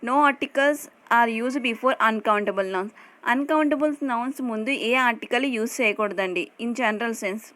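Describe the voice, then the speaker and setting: A woman with a Telugu accent teaching English grammar, reading English definitions slowly and explaining them in Telugu. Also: a little high, a bit bright, poor audio. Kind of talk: explanatory lesson over slides.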